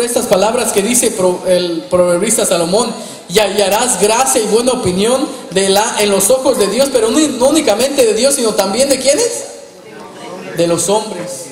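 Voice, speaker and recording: Male preacher with a high voice, delivering a sermon in a roomy church hall with rhetorical questions. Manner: addresses the congregation as brothers with rhetorical questions. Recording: echoey hall, faint background noise.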